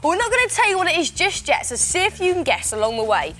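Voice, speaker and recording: A woman's voice: very high voice, very animated, quick pace, faint music behind. A woman presenting a children's craft show, explaining steps in an encouraging way. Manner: bright, encouraging, explains step by step. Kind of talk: upbeat instructional presenting.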